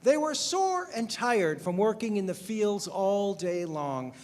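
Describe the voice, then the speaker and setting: A man's voice: sits high, animated, slow. A man leading worship and narrating a Christmas story to a congregation, in an upbeat, coaxing, playful manner. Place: church sanctuary. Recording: reverberant church hall with faint noise.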